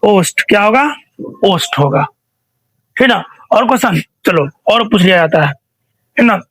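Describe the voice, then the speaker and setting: A man's voice: high voice, animated, a little slow, fairly bright tone, dry recording, low-quality recording. A male teacher running an online revision quiz, asking each question again and again and prompting students to answer.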